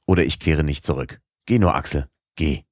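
A man's voice: extremely low pitch, normal speed, no room sound, clean studio sound. A man voicing a stern, obsessive old professor in an audiobook, harsh and threatening in tone. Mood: stubborn. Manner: harsh and threatening, with gentle moments.

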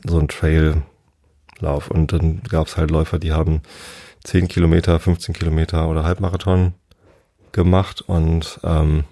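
Relaxed and rambling, this travel story comes from a forty-five-year-old man with a bass voice. He tells it casually, often halting to find his words.

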